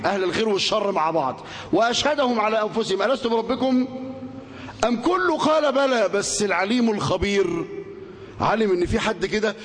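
A man with an Egyptian accent gives a religious lesson in a quick, high voice. He moves briskly between recited scripture and lively rhetorical questions to his listeners. The recording carries a long hall reverb. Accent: Egyptian Arabic. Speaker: religious teacher.

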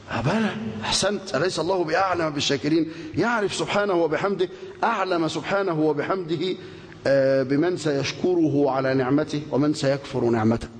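A man with an Egyptian Arabic accent teaching a colloquial religious lesson, animated, reciting scripture and putting rhetorical questions to his listeners. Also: high voice. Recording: long hall reverb.

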